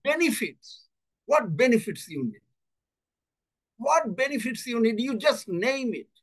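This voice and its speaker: A man preaching a bilingual sermon, slow and emphatic, repeating key phrases and translating himself between languages. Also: very high voice, expressive. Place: church service.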